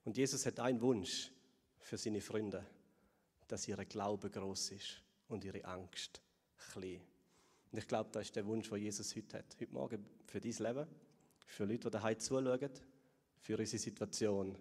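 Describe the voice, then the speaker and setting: A man preaching a sermon to a congregation and viewers at home, earnest, often sinking to soft, low tones on key words. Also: fairly even intonation, measured pace, breathy edge. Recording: long hall reverb.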